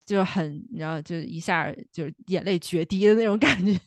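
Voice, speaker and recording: A woman's voice: fairly low pitch, fairly quick, noisy background. A woman from northern China co-hosting a chat show, talking through her views carefully, with hedges, fillers and restarts. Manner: thoughtful, hedging, many fillers and restarts. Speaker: podcast co-host, comedy critic. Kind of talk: casual critical chat.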